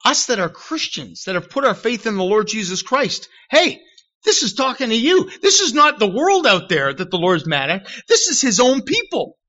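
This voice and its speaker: A middle-aged man preaching a sermon in church, animated and self-deprecating, acting out shouted quotes. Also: very high-pitched, normal speed. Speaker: pastor. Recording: dull lo-fi recording.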